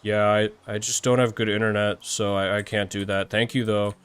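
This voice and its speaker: A man's voice: on the low side, flat delivery, normal speed, fairly bright tone, clear, resonant tone, no room sound, voice pushed down, natural voice. A man putting on a mopey sad person. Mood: dejected.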